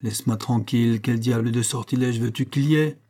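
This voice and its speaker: A man's voice: medium pitch, steady tone, fairly quick, warm tone, lightly acted. A man reading aloud voicing an impatient, superstitious old father who grumbles and grows exasperated. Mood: impatient grumbling. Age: older.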